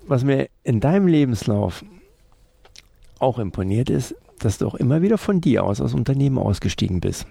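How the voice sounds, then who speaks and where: A man's voice: mid-range voice, gravelly, mellow, slightly rough, no room sound. A man hosting an interview, asking long, wordy questions. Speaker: interview host.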